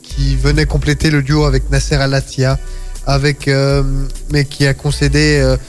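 A man's voice: mid-range voice, monotone, moderate pace, soft background music. A man co-hosting a radio show, reading race results hesitantly with many fillers. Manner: hesitant, many fillers, stumbling over names. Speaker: radio co-host.

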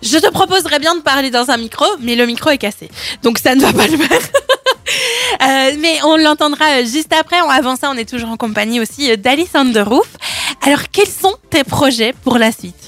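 A woman hosting a radio show, asking a guest questions with quick friendly replies. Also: high-pitched, a bit bright, no echo. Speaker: radio host. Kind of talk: radio interview. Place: radio studio. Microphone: studio microphone.

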